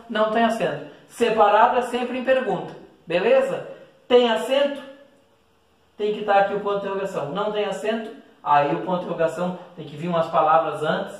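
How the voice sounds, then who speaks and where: A man with a Brazilian Portuguese accent, teaching a recorded class and checking in with his students after every point. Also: high-pitched. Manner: explains step by step with frequent "certo?" and "beleza?" checks. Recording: echoey room, distant mic.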